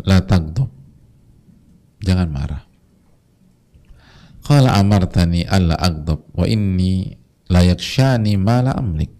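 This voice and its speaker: A male preacher speaks to his congregation in a low, gravelly voice. His tone is dark and mellow, and he keeps the sermon casual and chatty. He sometimes briefly mimics his listeners' voices.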